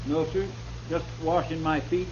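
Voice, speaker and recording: A man's voice: fairly high pitch, level tone, moderate pace, a little mellow, slight background noise, close to an everyday voice. A man playing an eager-to-please frontier deputy in an old radio drama, with deferential, folksy speech. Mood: earnest. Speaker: marshal's deputy. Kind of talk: 1950s radio drama acting. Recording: muffled old radio broadcast.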